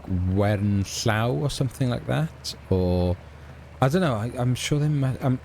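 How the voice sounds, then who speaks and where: A middle-aged Welsh-accented man, his voice on the low side and darkish, gives casual commentary while playing a game. The talk wanders and stalls with ums and restarts, and some background noise is audible.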